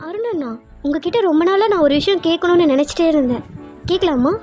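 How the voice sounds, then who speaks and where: A young woman in a comedy skit speaks in a clingy, whiny, sweet way. Her voice is extremely high yet soft and mellow in tone. Faint music runs beneath. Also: fast.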